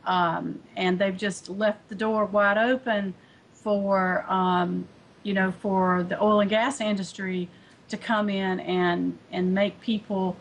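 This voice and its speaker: A woman's voice: mid-range voice, a little hiss or hum, poor audio. A woman speaking as an environmental advocate in a remote news interview, earnest and full of fillers and restarts. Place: remote studio link.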